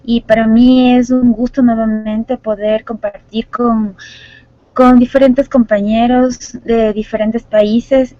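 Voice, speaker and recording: A woman from Ecuador, a preschool teacher introducing herself in an online class in a measured way with some fillers. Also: a little high, mellow, no echo. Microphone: video call microphone. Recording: dry, dull lo-fi call audio.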